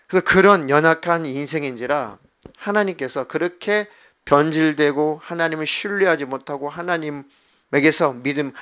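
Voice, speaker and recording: A middle-aged man preaching from the pulpit with a fairly high voice. He talks plainly and directly, as if chatting with his congregation, and slips into quick spoken dialogue to make his point. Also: a bit bright. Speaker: pastor. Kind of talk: Wednesday evening sermon.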